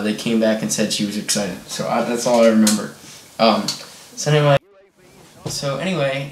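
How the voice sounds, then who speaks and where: Brief: lowish male gamer voice, rambling filler-heavy storyteller, recorded a little off-mic in a roomy space. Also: recorded from a distance, slight background noise. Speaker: gaming channel host. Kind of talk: casual storytelling over gameplay. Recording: roomy sound, a bit off-mic.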